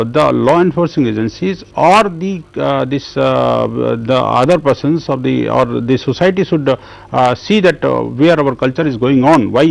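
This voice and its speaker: Halting Indian man with a creaky voice. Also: mid-range voice, rough recording. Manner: halting, repetitive, evasive. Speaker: debate panel guest. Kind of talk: live news debate.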